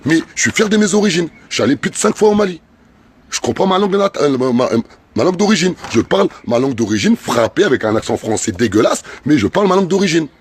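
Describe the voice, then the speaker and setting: A man's voice: a little high, sing-song, fast talker, slightly rough. A French man speaking as a fervent activist, delivering an impassioned political speech in repetitive, rising emphatic bursts. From France.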